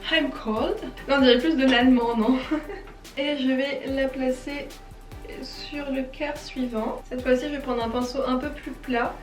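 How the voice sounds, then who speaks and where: A woman's voice: high voice, fairly even intonation, measured pace, roomy sound, recorded from a distance, soft background music. A chatty French woman with a French accent, talking through a makeup tutorial and explaining each step with self-deprecating asides. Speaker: beauty vlogger.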